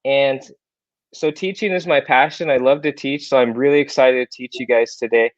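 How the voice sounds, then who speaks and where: A man's voice: mid-range voice, steady tone, moderate pace, no echo, dull audio. A young man giving a casual webinar presentation in a chatty, upbeat way with plenty of fillers. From born in South Korea, raised in Iowa, USA. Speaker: guest presenter.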